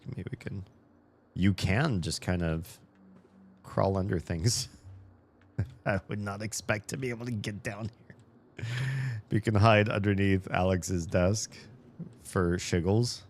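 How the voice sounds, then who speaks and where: Playing through a video game, a low-voiced man keeps up a rambling, casual let's-play commentary as a streamer. He mutters his thoughts aloud, curses occasionally and laughs, and he sounds slightly hoarse from losing his voice a bit.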